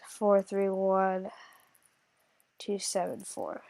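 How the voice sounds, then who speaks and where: In a casual screen-recorded game walkthrough, a woman with a cold-blocked nose thinks aloud, hesitating, pausing a lot, and correcting herself as a gaming tutorial creator. Her mid-range voice barely moves in pitch, has vocal fry and a darkish tone, and carries no echo.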